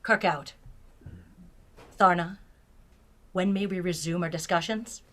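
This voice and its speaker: A woman playing a principled, composed female starship captain in a sci-fi fan audio drama, speaking in a measured, formal way. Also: on the low side, a bit bright. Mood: composed, firm.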